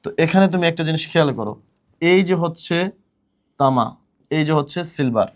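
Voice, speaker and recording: A man's voice: on the high side, expressive, brisk. A man teaching chemistry, asking his students questions and then answering them himself. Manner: chants a mnemonic rhyme in a sing-song voice. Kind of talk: classroom lecture.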